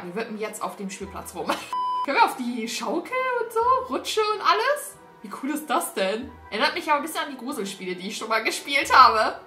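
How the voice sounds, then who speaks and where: Bright, excitable woman gaming host. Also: a little high. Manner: excitable, shrieks and laughs when scared. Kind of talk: game commentary. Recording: roomy sound with faint game music.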